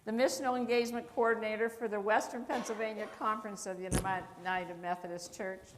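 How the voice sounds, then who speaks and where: A woman's voice: medium pitch, fairly even intonation, fairly quick. A woman hosting a church evening, announcing a hymn and introducing the guest speaker with a self-deprecating, apologetic touch. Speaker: event host. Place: church hall. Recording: church hall reverb with faint noise.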